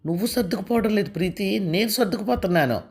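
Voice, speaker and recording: A woman's voice: medium pitch, quick pace, creaky, a little mellow, pitched above the performer's own voice, natural voice. A woman voicing a long-patient young husband who speaks firmly and insistently. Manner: firm and insistent.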